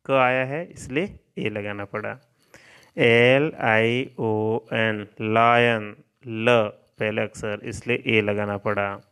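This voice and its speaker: Slow, patient male teacher. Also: on the low side, fairly bright tone. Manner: slow, deliberate, spells letter by letter, repeats each rule. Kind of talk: classroom lesson, spelling out English words.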